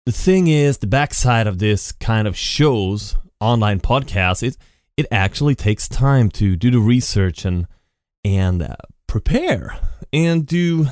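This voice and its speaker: A podcast host talks unscripted and alone at his computer at home, using a decent studio podcast mic with effects. His lowish voice is clear, resonant and a little mellow, and he rambles with many restarts and repeated "and". No echo; studio-quality sound.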